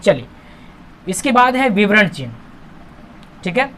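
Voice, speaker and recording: A man teaching a grammar lesson, patiently walking through on-screen examples, asking himself questions and answering them, and reading example sentences slowly with emphasis. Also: sits high, sing-song, pushed and bright, slight background noise. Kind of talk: classroom-style lesson explaining on-screen examples.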